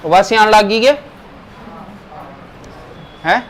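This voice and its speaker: A man's voice: high voice, very slow, a bit bright. A male teacher, giving a grammar lesson to a class, asking questions and stressing words.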